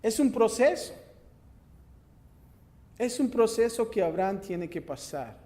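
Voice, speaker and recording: A male pastor preaching a sermon and reading scripture, swelling loud then dropping soft, with rhetorical questions to the congregation. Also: high-pitched, sing-song, slow pace, big-room sound. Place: church sanctuary.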